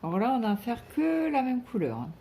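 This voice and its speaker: A woman's voice: fairly high pitch, sing-song, a little fast, gravelly, mellow, a little hiss or hum. A middle-aged woman chatting casually at home as she stitches along with her viewers, thinking aloud and trailing off now and then. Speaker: cross-stitch vlogger.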